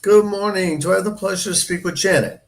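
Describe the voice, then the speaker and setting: A man's voice: high-pitched, fast, gravelly, low-quality recording. A man working as a real estate broker, making polite, courteous cold calls on the phone. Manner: polite and courteous, sir and ma'am.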